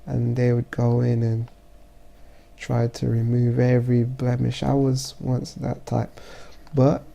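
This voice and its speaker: A man with a stuffy, congested voice narrating a casual photo-editing tutorial as he works, halting and thinking aloud. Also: mid-range voice, completely flat delivery, gravelly, mellow. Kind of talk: casual software tutorial voice-over.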